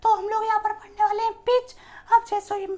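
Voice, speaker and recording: A man putting on a shrill, squeaky high voice to demonstrate pitch in a physics lesson. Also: little pitch movement, brisk, a little mellow.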